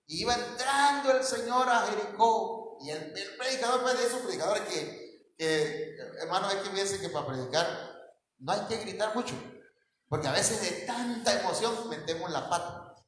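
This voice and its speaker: A male pastor preaching in a high voice, telling the story and checking that his listeners follow. His voice rings through a large, very reverberant church hall with a long echo. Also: animated, normal speed, a bit bright, a little hiss or hum. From Mexico. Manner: storytelling, asks the congregation questions, chuckles at his own slips. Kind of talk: sermon.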